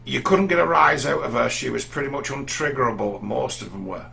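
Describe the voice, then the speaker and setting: This clip features a mid-range male voice with vocal fry and a sharp edge, delivered fairly quickly. The speaker is a middle-aged vlogger from England who wanders through personal stories in a casual monologue, frequently restarting his sentences.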